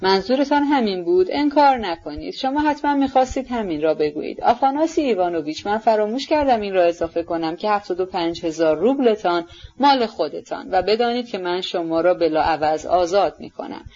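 A woman's voice: medium pitch, lively intonation, highs cut off, close to an everyday voice. A woman reading as a cold, imperious young woman. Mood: sharp. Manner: haughty, sharp and commanding.

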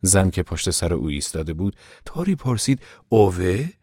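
Deep-voiced male audiobook narrator. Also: big pitch swings, a little mellow, slightly rough, dry recording, clean studio sound. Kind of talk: scripted narration of a novel.

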